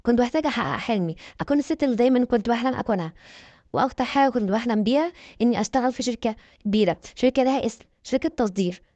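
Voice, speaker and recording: A woman's voice: on the high side, animated, very fast, warm tone, dry recording, lo-fi sound. A woman with an Egyptian accent dramatically narrating a first-person story. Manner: dramatic, emphatic.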